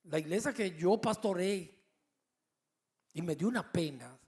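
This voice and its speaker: A middle-aged male pastor preaching a sermon, telling personal stories with humor and lively delivery. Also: high voice, measured pace. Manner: animated storytelling with humor.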